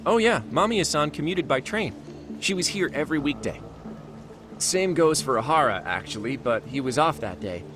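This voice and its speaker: In video game cutscene voice acting with background music, an actor plays a man explaining a case to his detective partner. His voice is a little high and animated at a normal speed, with a lightly acted, explanatory delivery.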